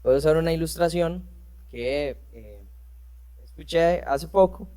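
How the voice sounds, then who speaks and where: There's a warm tone to this preacher's slightly high voice as he teaches a church lesson a little slowly. He reads scripture aloud and explains it using rhetorical questions, often filling pauses and correcting himself.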